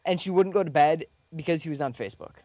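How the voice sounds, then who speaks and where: A man's voice: on the high side, fast talker, warm tone, no echo. A young man hosting a casual gaming podcast, steering the talk and reading out news items.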